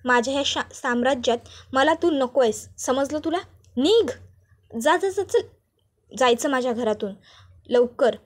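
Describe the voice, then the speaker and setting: A woman's voice: high-pitched, normal speed, close to an everyday voice. A woman voicing an arrogant, scheming young wife who taunts and orders the family around. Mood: gloating, bossy. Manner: taunting, commanding, shouting insults.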